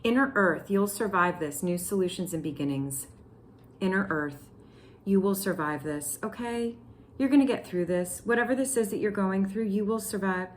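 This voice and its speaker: A young woman giving a tarot reading to her viewers, excitable and slangy, talking straight to them. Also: medium pitch, moderate pace, slight background noise. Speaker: tarot reader. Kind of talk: casual tarot reading to camera.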